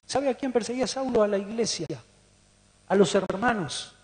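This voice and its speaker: A man's voice: sits high, normal speed. A man with a Rioplatense Spanish accent preaching a sermon, putting questions to the congregation. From Argentina. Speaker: pastor. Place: church hall. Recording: long church reverb.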